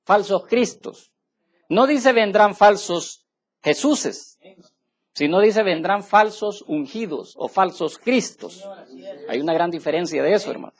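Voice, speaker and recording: A man's voice: high voice, gravelly, a little mellow. A male preacher giving an emphatic sermon in a church. He keeps turning to his listeners to check that they follow him. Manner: emphatic, asks listeners "¿me entiende, hermano?". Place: church tabernacle.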